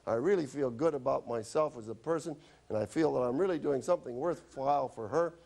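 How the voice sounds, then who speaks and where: A man's voice: medium pitch, fairly quick, creaky, a little mellow. A man who is a doctor, telling chatty, wry anecdotes in a health lecture. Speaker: doctor giving a stop-smoking talk.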